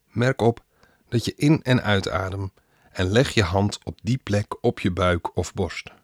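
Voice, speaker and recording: A man guiding a breathing exercise in a calm manner, counting slowly and trailing off softly. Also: on the low side, dry recording, clean studio sound.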